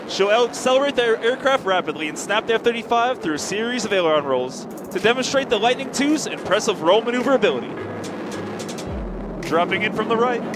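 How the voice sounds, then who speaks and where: A man delivering scripted air show commentary in a dramatic, measured showman style. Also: high-pitched, rough recording. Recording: loud music and engine noise behind. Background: loud music, vehicle sounds.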